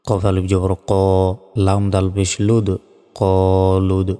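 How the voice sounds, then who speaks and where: A man teaching Quran reading, spelling out Arabic syllables one by one and then reciting the verse slowly. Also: sits low, level tone, mellow, long reverb tail.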